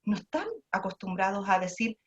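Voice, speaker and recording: A woman's voice: medium pitch, normal speed, lo-fi sound. A woman lecturing on early childhood education. She explains patiently, asks herself rhetorical questions and often restarts her sentences. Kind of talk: online lecture answering a question.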